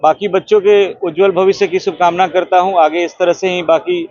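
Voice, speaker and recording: A man visiting as a guest, speaking to a news camera in a measured, praising way. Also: high-pitched, fairly even intonation, darkish tone, no echo. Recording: dry, dull lo-fi news audio.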